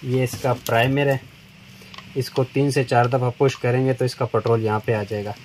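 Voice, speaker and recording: Working on a chainsaw with his hands, a middle-aged seller in a tool shop walks through a step-by-step demonstration at an easy pace. His medium-pitched voice is flat, level and somewhat dark in tone. The clip was captured on a phone above the counter, with background noise clearly audible.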